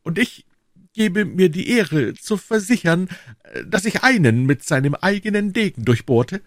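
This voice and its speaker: A man's voice: sits high, expressive, measured pace, no room sound, studio quality, pitched above the performer's own voice. A man voicing a polished, courteous young musketeer in an audiobook, in a lofty manner. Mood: proud.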